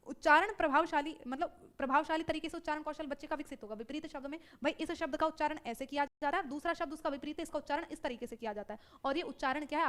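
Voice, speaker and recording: A woman teaching a live online exam-prep class, brisk and self-correcting, who keeps checking in with her students. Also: high-pitched, a bit bright.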